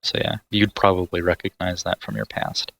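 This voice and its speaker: A man's voice: low-pitched, big pitch swings, normal speed, vocal fry, fairly bright tone, a little hiss or hum. A man running a tabletop game as game master, describing scenes over voice chat and imitating the sounds in them. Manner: descriptive, mimics sounds with his voice. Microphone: voice chat headset.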